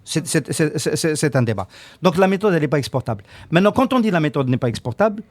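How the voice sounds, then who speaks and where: A man from Algeria speaks on a radio panel discussion in a slightly high voice. He hesitates a lot, repeating words and filling pauses. The sound is dry and close to the mic. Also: animated, no room sound.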